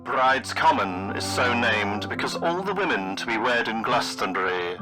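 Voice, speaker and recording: A man narrating a scripted mock travelogue in the manner of an old newsreel, with formal, florid, deadpan delivery. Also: mid-range voice, poor audio. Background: music.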